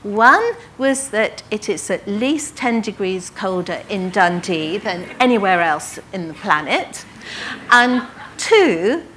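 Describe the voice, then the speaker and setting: An older woman from England recounting her early writing career to an audience, in a lively anecdotal way with quoted dialogue. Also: mid-range voice, slow, a little hiss or hum. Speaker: author telling her life story. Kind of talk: storytelling talk to an audience.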